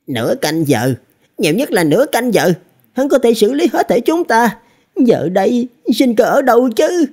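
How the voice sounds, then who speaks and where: A man's voice: very high-pitched, sing-song, moderate pace, a little mellow, voice pushed up, full character voice. A man voicing a frightened male demon spirit who speaks frantically, in an audiobook reading. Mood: panicked.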